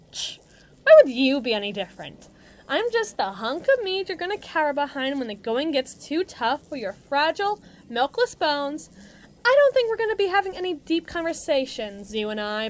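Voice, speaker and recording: A woman acts out a monologue as a brash, mean, high-pitched henchwoman who serves as muscle for an evil agency, speaking straight to the listener. She sounds contemptuous and dismissive, delivering sarcastic, theatrical, mocking lines in slangy tough talk.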